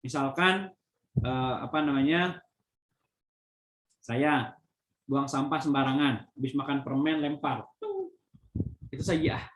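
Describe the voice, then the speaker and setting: A man's voice: medium pitch, fairly even intonation, takes it slowly, pauses often, fairly bright tone, a little hiss or hum. Man, religious lecture, everyday examples, fillers, echoey room. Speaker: Islamic preacher.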